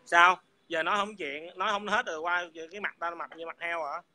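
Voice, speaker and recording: A man's voice: high voice, a little fast, pushed and bright. A man hurling crude, taunting insults in a heated livestream rant. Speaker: livestream speaker.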